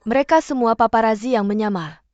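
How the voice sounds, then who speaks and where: A woman's voice: a little high, fairly quick, darkish tone, dry recording, close to an everyday voice. A woman acting an alert sidekick on a stakeout in a dubbed drama. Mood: alert, curious. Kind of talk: dubbed serial drama dialogue. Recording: dull lo-fi audio, music behind.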